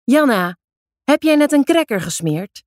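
A woman's voice: high-pitched, sing-song, measured pace, darkish tone, dry recording, clean studio sound, voice pushed up. A woman voicing a middle-aged mother who scolds her teenage daughter with a raised, reproachful voice. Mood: scolding.

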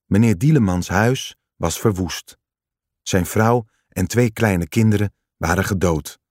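A man reading a story aloud in calm, measured scripted narration. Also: low-pitched, no room sound, clean studio sound.

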